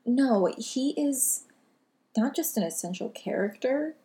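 A woman's voice: sits high, expressive, slow, mellow. A woman co-hosting a casual chat, easygoing and agreeable, often backing her partner up. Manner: easygoing, agreeable, frequent short affirmations. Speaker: podcast co-host.

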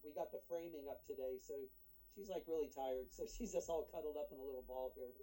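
A man talking as a podcast guest, casual and halting, with many pauses and restarts. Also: a little high, fairly even intonation, dark tone, low-quality recording. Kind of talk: casual interview chat.

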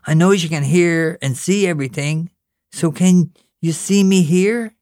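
The reader speaks a little slowly with a darkish tone and natural voice, portraying an earnest young boy in a high, pleading, childlike way as he prays, questions and bosses his little brother. This fiction read-aloud has clean studio sound and no room sound.

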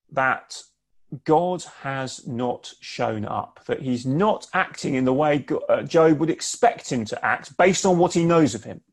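A man giving a sermon online, speaking in a measured, conversational way with pauses for emphasis. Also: mid-range voice, slightly rough. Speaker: preacher. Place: home, preaching online.

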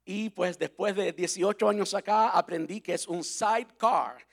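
A man preaching a relaxed sermon, his voice sitting notably high for a man. He talks in a chatty, playful way, stopping to spell words out letter by letter. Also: moderate pace, vocal fry. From Cuba. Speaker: pastor.

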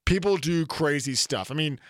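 A man hosting a casual sports podcast, rambling through animated stories. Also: on the high side, moderate pace, no room sound, clean studio sound. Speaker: podcast host.

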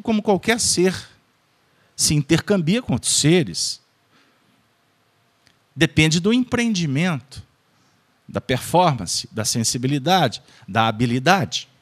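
A man with a Brazilian accent presenting a spiritist study group, giving an informal lecture in a joking manner and checking in with his audience. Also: a little high. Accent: Brazilian Portuguese.

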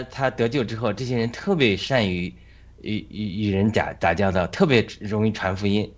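Low-voiced man hosting Bible talk. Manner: halting, with many fillers and repeats. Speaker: host. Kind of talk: hosting an online Bible discussion.

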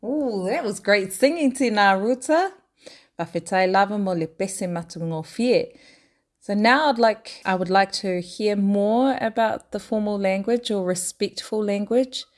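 A woman speaks as a podcast host. Her voice sits at a medium pitch as she introduces and questions her guest, moving between English and greetings. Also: a little slow.

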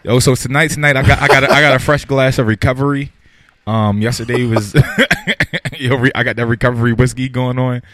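A man's voice: medium pitch, fairly even intonation, fairly quick, fairly bright tone, no room sound. A man co-hosting a podcast, talking in a playful, hyped-up, joking way. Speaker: podcast co-host. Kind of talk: casual chat.

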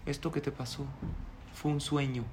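A man voicing a calm, wise older rabbi of few words who firmly reassures a young man. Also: mid-range voice, normal speed, a little hiss or hum, close to an everyday voice. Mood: reassuring.

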